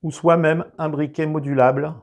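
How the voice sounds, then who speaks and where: A man's voice: on the high side, level tone, normal speed, darkish tone. A man with a regional accent demonstrating a product in a casual review, explaining carefully with many hesitations. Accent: French regional.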